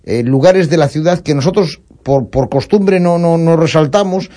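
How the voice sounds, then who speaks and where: A man's voice: a little high, moderate pace, dark tone. A man with a Galician Spanish accent hosting live radio, chatting informally and often repeating or rephrasing himself. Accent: Spanish from Galicia, Spain. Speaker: radio host.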